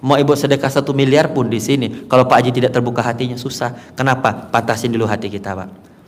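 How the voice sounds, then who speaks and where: Male preacher, sermon delivery with big swings between hushed and loud, long hall reverb. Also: medium pitch, steady tone, quick pace.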